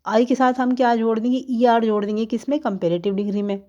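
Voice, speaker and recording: A woman's voice: a little high, steady tone, brisk, mellow, muffled recording. A woman teaching an English grammar lesson, explaining step by step, spelling words letter by letter and answering her own questions while mixing English and Hindi.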